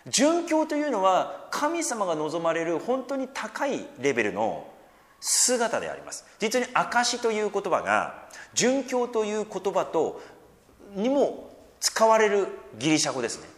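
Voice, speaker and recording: Male pastor preaching; lively, swooping delivery, gentle humor, long hall reverb. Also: high voice, unhurried. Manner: animated preaching, raising his voice for quoted words; gentle joking asides. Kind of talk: sermon.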